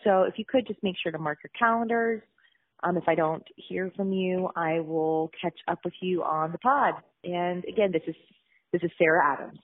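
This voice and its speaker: A woman's voice: on the low side, moderate pace, no room sound. A woman and podcast co-host leaving a plain, businesslike voicemail reminder, heard over a landline phone. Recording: narrow tinny phone line, dry.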